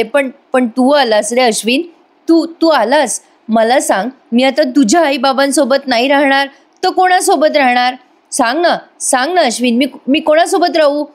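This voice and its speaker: A woman's voice: high-pitched, natural voice. A woman playing a sobbing, pleading young woman. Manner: sobbing, pleading, broken repeated words.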